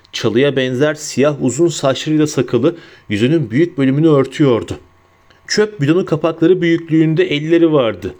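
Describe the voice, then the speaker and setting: A man narrating an audiobook in an expressive storytelling manner, slowing down for emphasis. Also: medium pitch.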